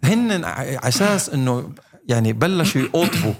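A man's voice: mid-range voice, big pitch swings, normal speed, creaky. A man chatting casually and animatedly, mixing in English words and laughing often. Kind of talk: casual chat.

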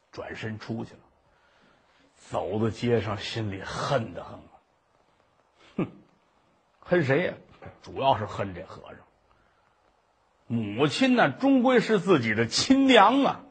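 Husky animated male storyteller. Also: medium pitch, slow pace, pauses often. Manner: animated, dramatic, many voices. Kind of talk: traditional Chinese storytelling.

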